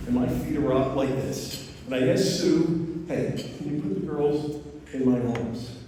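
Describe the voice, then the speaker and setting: A middle-aged man delivers a father of the bride speech in a halting, emphatic public manner. His voice sits slightly high for a man. It comes through a very echoey hall with clear background noise. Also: fairly even intonation, dark tone. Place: large reverberant wedding reception room. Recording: echoey noisy hall, distant microphone.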